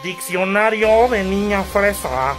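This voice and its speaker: Woman as crude, loud barrio girl, slow and brassy, light music behind. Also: medium pitch, lively intonation, voice pushed up. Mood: brash, rowdy. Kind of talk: comedy sketch.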